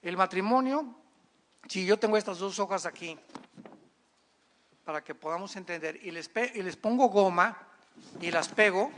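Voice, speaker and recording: A man delivering a sermon in a notably high voice. He preaches with humor and energy, slipping into the voices of the people in his stories. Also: moderate pace, long pauses, slight background noise. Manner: lively, humorous, acts out quoted people. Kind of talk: sermon on marriage.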